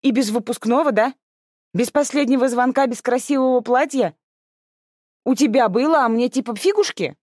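A woman's voice: expressive, normal speed, darkish tone, no echo, studio quality. A woman voicing a cheeky, petulant sixteen-year-old girl in an audiobook. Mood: cheeky, whiny. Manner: petulant, shrill outbursts.

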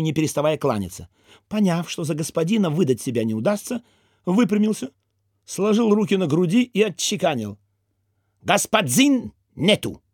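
Man, audiobook narration, expressive, slightly higher voice, soft background music. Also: husky, no room sound, clean studio sound. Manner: expressive, theatrical reading. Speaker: audiobook reader.

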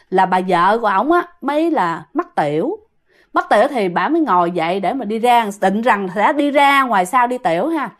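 Chatty Southern Vietnamese woman storyteller. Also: a little high. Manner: chatty, addresses listeners directly. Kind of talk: casual ghost story telling.

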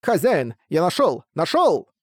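A man doing a whiny, high young pet creature. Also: very animated, fairly quick, a little mellow, no room sound, studio quality. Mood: excited. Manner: whiny, like a scolded child. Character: young male pet creature, eager and touchy.

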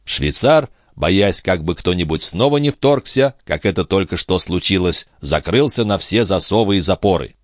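A man's voice: low-pitched, normal speed, few pauses, no room sound, studio quality. A man narrating a historical novel as an audiobook. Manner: expressive reading. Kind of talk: scripted narration.

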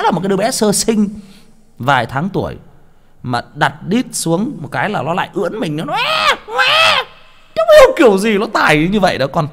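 A young man reading a story as a casual, rambling monologue, often stammering and repeating words. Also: on the high side. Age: young adult. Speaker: audiobook reader.

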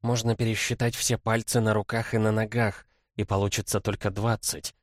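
A man voicing a thoughtful, explaining lioness in a storybook reading, slightly raised and measured. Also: on the low side, little pitch movement, no echo, clean studio sound, close to an everyday voice.

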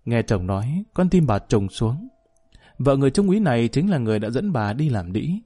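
Mellow-voiced man narrating a story. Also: mid-range voice, big pitch swings, brisk, breathy edge.

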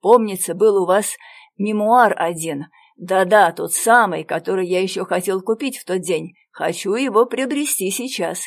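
A woman voicing a proud young gentleman in a storybook reading, indignant and clipped as he scolds. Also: sits high, normal speed. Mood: eager. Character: stern proud young gentleman, quick to scorn.

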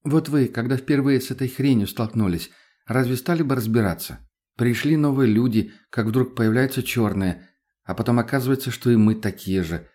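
A man voicing a thoughtful, reasonable young woman who talks in an earnest, gentle way. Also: mid-range voice, moderate pace, natural voice.

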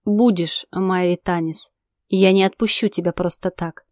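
A woman reading a story, voicing a stern male ruler with a measured, domineering delivery. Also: on the low side, fairly even intonation, darkish tone, no room sound, clean studio sound, close to an everyday voice. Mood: menacing.

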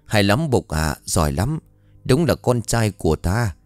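A man's voice: on the low side, sing-song, unhurried, a little mellow, no echo, faint music behind. A man voicing a gleeful, brash old male village drunkard in an audio story, crowing and bossy. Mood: gloating.

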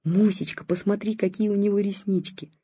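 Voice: mid-range voice, fairly even intonation, brisk, breathy edge, no echo, voice pushed up, lightly acted. A reader doing a cooing doting new father. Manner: cooing, soft and fussing. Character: doting anxious new father, middle-aged man. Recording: dull lo-fi recording.

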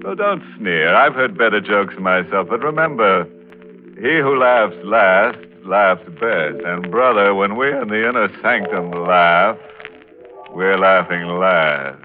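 An actor playing a sardonic, mock-friendly horror host in the vintage narrating style of 1940s radio, full of macabre jokes. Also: male voice, low voice, lively intonation, takes it slowly. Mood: sardonic, ghoulish. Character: ghoulish, sardonic male host of a horror show. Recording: old tinny radio recording with music.

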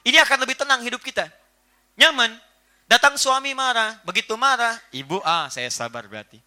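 A man preaching to a gathered audience, his voice rising high and swinging widely in pitch. His tone is very bright and sharp. He is playful and acts out small everyday scenes as he talks. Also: brisk. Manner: animated, playful, acts out little household scenes. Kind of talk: religious lecture to a live audience.

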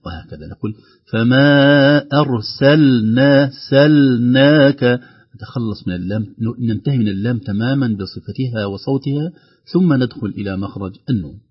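A man teaching Quran recitation on a radio lesson, explaining calmly and slowly chanting verse examples. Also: lowish voice, breathy edge, muffled recording.

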